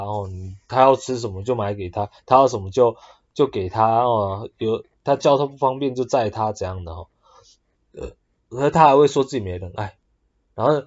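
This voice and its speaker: A man hosting a podcast monologue, halting and full of fillers and restarts. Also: mid-range voice, a little mellow, highs cut off. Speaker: podcast host. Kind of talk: casual monologue.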